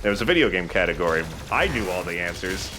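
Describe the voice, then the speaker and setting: Over game music, a man delivers casual, jokey let's play commentary, bantering and swearing freely. His deep voice is sing-song and quick, with background noise in the mix.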